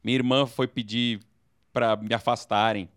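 A man from Brazil co-hosting a casual late-night chat show, telling animated stories and bursting into movie-style screams. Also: mid-range voice, normal speed, no room sound, studio quality. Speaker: podcast co-host.

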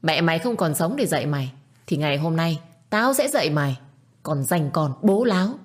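A woman's voice: low voice, animated, moderate pace, slightly rough. A woman voicing a spiteful middle-aged stepmother who screeches insults and taunts. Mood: scolding.

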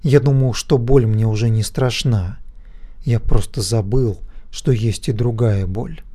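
A man voicing a wrathful, grim dark god in an audiobook, speaking in a growling, bitter way. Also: medium pitch, a little slow, natural voice.

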